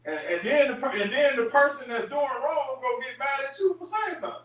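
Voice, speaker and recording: A man's voice: very high-pitched, expressive, brisk, a bit bright. A man leading a group Bible study, talking in an emphatic, conversational way and often checking in with his listeners. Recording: echoey room, voice from far off.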